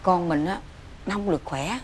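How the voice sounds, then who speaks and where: A woman's voice: fairly low pitch, moderate pace, slight background noise, natural voice. An actress with a Southern Vietnamese accent playing a worried, middle-aged rich mother in a cartoon fairy tale. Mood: coaxing. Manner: coaxing, then frantic wailing. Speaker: voice actor. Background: music.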